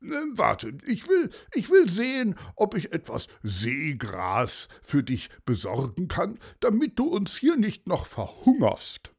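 A storyteller voicing a mild, unhurried police inspector who hesitates and drawls. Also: medium pitch, huge pitch swings, a little mellow, breathy edge, pitched above the performer's own voice, exaggerated voice. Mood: hesitant.

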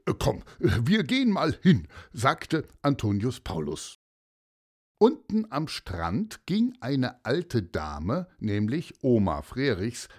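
A man narrating a children's story, expressive and addressing young listeners directly. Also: medium pitch.

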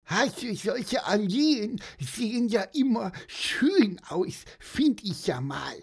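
A woman's voice: mid-range voice, sing-song, slow pace, breathy edge, full character voice. A woman voicing a small, curious creature who asks hesitant questions in a children's audio story.

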